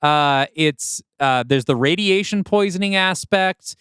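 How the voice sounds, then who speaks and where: A podcast co-host shifts between reading a screenplay aloud and casually discussing it creatively. His voice is a little high and a bit bright, paced slightly slow, with a clean tone and clean studio sound lacking any room echo.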